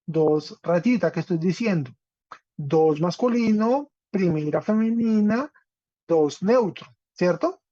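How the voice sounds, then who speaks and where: A man's voice: high voice, darkish tone, no echo. A man teaching a Greek class online, explaining step by step and often checking in with his students. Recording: dull, dry lo-fi audio.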